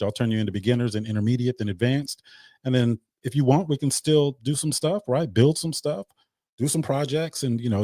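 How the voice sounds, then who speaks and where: A man's voice: mid-range voice, warm tone, no echo, studio quality. A man hosting a casual livestream chat, loose and talkative, often repeating his words. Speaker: host.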